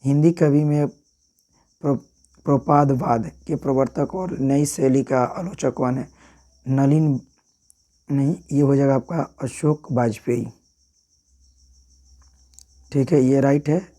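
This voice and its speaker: A man's voice: mid-range voice, steady tone, takes it slowly, long pauses, warm tone. A man, talking through exam answers as a teacher in a casual way and often checking in with "thik hai" and "right".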